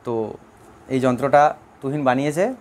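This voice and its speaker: A man's voice: mid-range voice, steady tone, normal speed, darkish tone. A man from Bankura district in West Bengal, rambling chattily with many fillers as he reviews a new instrument he owns. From Bankura district, West Bengal, India. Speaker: instrument owner giving a review. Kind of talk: casual spoken review.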